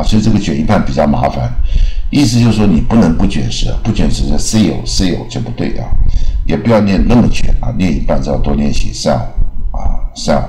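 A man from Taiwan giving a casual spoken English pronunciation lesson, repeating each example word slowly and padding his sentences with fillers. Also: extremely low pitch, dark tone, a little hiss or hum. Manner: repeats model words slowly, many filler "啊". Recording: echoey room.

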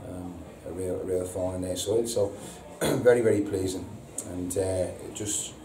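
An English football manager in his thirties speaks at a post-match press conference, standing before a sponsor board in an indoor press room. His low, even voice comes across halting and repetitive, full of ums. The distant mic picks up echo, room noise and audible hiss.

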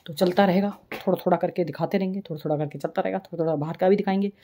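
A woman's voice: lowish voice, fairly even intonation, very fast, dark tone, a little hiss or hum. A woman in her forties chatting casually in a home vlog, breathless from cleaning and complaining with a self-deprecating tone. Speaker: vlogger, mother. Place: home, indoors.

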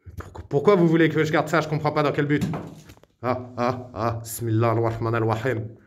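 A man from Morocco talks his way through an abandoned house at night in a low, hushed voice. He often drops to a whisper and murmurs Arabic invocations between his questions. His pitch sits in the middle for a man. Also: a little fast, slight background noise. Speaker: paranormal explorer. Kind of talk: night exploration vlog narration.

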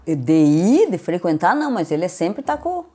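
A mother tells a family anecdote, laughing as she goes and quoting back and forth. Her pitch swings widely and stays lively throughout. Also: normal speed, husky. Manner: laughing, lively storyteller who quotes others. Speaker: interviewee, the subject's mother. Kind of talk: casual anecdote in an interview.

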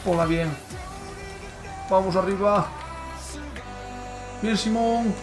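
A man with a Spain Spanish accent giving live football gameplay commentary, excitable and bursting into loud exclamations and swearing. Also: high voice, slow pace, music in the background. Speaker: gaming YouTuber.

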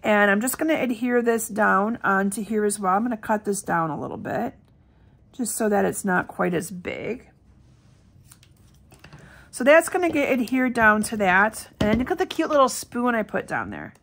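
A woman's voice: medium pitch, big pitch swings, moderate pace, creaky, fairly bright tone. A middle-aged woman demonstrating card making in a casual, chatty tutorial, her voice still scratchy with a lingering cough. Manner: chatty and upbeat, addressing viewers directly.

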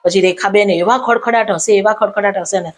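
A woman telling a comic anecdote to camera, acting out what others said in a raised voice. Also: a little fast. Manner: animated retelling, acting out quoted lines in raised pitch. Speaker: comic storyteller.

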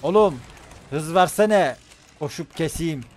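A young man streaming a game, loud and excitable, swearing and yelling at his teammates. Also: a little high, takes it slowly. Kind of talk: live gaming commentary.

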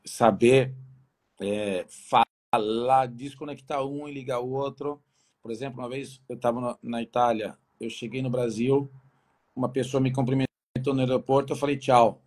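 A man's voice: medium pitch, fairly even intonation, moderate pace, darkish tone. A man from Brazil with a Brazilian Portuguese accent, a football coach giving easygoing, rambling interview answers with many restarts.

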